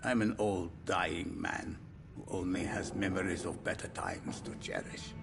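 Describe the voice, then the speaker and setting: An actor playing an old, dying Romanian print-shop keeper, guarded and gruff, then reflective. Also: male voice, low voice, unhurried, exaggerated voice. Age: older. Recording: game audio with loud background music.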